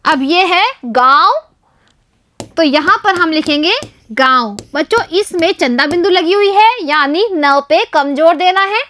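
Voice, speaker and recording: High-voiced teacher talking to children. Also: female voice, a little slow, a bit bright, slight background noise. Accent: Indian. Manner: keeps addressing the children, asks and answers her own questions. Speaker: primary school teacher. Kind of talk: explaining a Hindi lesson to young children.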